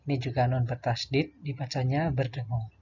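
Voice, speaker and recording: A man teaching young children to recite verses, chanting each line slowly and then explaining the pronunciation patiently. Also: medium pitch, fairly even intonation, mellow, lo-fi sound, a little hiss or hum. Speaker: primary school religion teacher. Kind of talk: slow recitation lesson for children.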